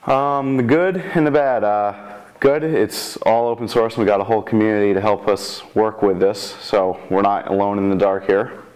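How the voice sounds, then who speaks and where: Low, even-toned young man, halting delivery. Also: rough recording. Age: 20s. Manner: halting, frequently rephrasing mid-sentence. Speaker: computer science student developer. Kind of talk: informal interview about a project.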